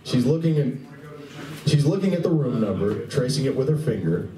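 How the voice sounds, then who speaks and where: In an echoey convention room, a man reads scripted stage-direction narration for a live radio play, his voice medium-pitched, animated and warm at normal speed. The mic is distant and there's faint noise.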